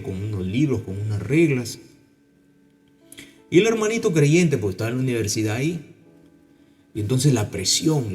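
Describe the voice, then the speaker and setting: A man with a Peruvian accent preaching a sermon, telling stories and acting out the voices of the people in them. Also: on the low side. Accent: Peruvian Spanish. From Peru. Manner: animated storytelling, acting out voices. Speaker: pastor.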